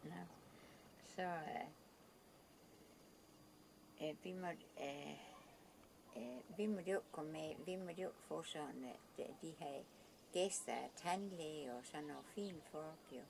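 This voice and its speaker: An older woman with a South Jutlandic Danish accent, telling stories from her youth in a hesitant, halting way with many restarts. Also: deep voice, gravelly, darkish tone, a little hiss or hum. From Southern Jutland, Denmark. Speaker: interviewee recalling her youth. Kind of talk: casual oral-history storytelling.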